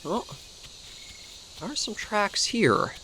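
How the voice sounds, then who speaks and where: A gaming video host with a Canadian accent talks in a high voice that swings widely in pitch, slow and pushed with a bright edge. He's coming down with a cold and rambles casually through gameplay, thinking aloud. There's a slight hiss or hum in the background.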